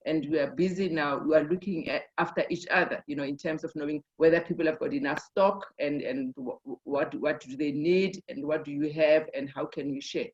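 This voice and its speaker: A woman's voice: low voice, steady tone, brisk, hardly any pauses, a little mellow. A woman sharing her experience in a group discussion, thoughtful, with many fillers and restarts. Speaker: conference participant. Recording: dull lo-fi online call audio.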